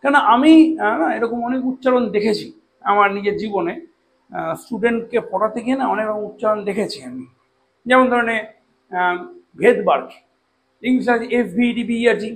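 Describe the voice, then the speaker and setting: A man teaching a classroom biology lesson, slowly spelling out long terms and often checking that students follow. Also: high-pitched, a bit bright, a little hiss or hum, low-quality recording. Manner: slow deliberate spelling out of terms, frequent check-ins. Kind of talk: classroom lecture.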